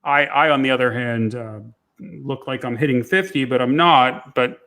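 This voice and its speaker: Joking man in his thirties, bright tone. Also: medium pitch, normal speed. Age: 30s. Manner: self-deprecating, joking. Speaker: co-host. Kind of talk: casual chat.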